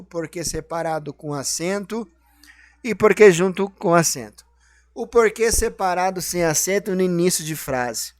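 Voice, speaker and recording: A man's voice: sits high, no echo. A man teaching a grammar lesson, explaining each rule and then asking and answering his own questions.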